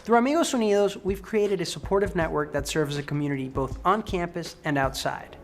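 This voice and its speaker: A man from Ecuador, a test and operations engineer, giving an upbeat, brisk scripted statement. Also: fairly high pitch, soft background music.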